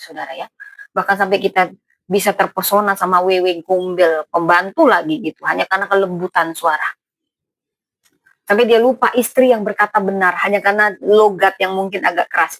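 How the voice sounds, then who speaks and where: A woman's voice: medium pitch, a bit bright, no room sound, low-quality recording. A woman pastor preaching a sermon in a blunt, emphatic manner, often turning to address the congregation directly.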